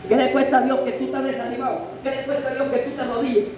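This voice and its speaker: A man's voice: very high voice, level tone, racing, darkish tone, lo-fi sound. A man preaching a sermon, emphatic and full of rhetorical questions and a repeated refrain. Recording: very echoey church hall, faint noise.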